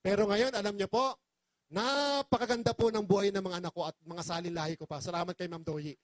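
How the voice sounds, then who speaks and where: In a dry recording, a Filipino man speaks a little fast in a high voice. As a business presenter he delivers an emotional, pleading testimonial to his audience, remaining very polite throughout.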